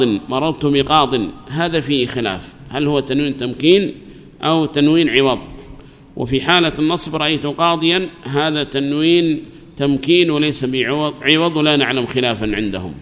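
Brief male grammar teacher, mid-pitched voice, patient, asks and answers, long hall reverb, faint hiss. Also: fairly bright tone. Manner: explains slowly, asks the class questions and answers them himself. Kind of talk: classroom lesson.

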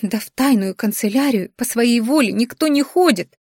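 A woman's voice: animated, normal speed, darkish tone, slightly rough, dry recording, clean studio sound. A woman voicing a plump hoofed female creature, a fussy, doting governess who gushes and frets dramatically. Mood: scandalized. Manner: gushing, shrill and dramatic.

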